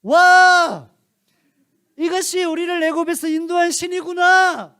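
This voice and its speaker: A man puts on an impatient crowd of ancient Israelites clamoring for a god. The voice is pushed high and loud, with a demanding edge. It is told as part of a children's Bible story. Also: lively intonation, normal speed. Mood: excited shouting.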